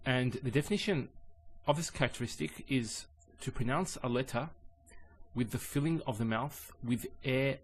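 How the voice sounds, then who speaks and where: Male teacher, mid-range voice, steady patient lesson delivery. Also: medium pitch, a little hiss or hum. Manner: calm, measured explaining with pauses. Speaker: Arabic teacher. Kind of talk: explanatory lesson.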